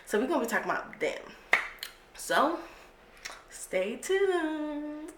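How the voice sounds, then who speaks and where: In a fairly high, sing-song voice that's fairly bright and fairly quick, a young beauty vlogger keeps up a casual chat. She giggles readily and drawls her slang, recorded in an echoey room with a little noise.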